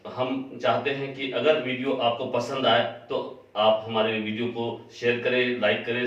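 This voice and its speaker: A man teaching English pronunciation in a spoken lesson, spelling words out letter by letter and repeating the correct form slowly. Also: medium pitch, fairly bright tone. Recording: very echoey, distant, dull sound.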